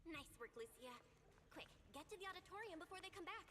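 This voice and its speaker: A woman streamer reading game dialogue aloud in a lively, expressive way. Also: very high-pitched, quick pace, background noise.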